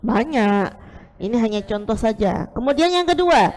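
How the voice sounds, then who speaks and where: A woman teaching Quran recitation to a live class, patiently modelling each sound slowly and repeating it many times. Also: fairly high pitch, lively intonation, a little mellow, low-quality recording. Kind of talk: live class instruction with group repetition.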